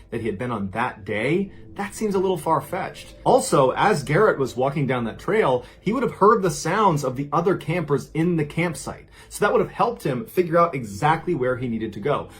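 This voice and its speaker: A man hosting a podcast, narrating a true mystery story in a conversational, suspenseful way. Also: mid-range voice. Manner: conversational, present-tense storytelling with steady suspense.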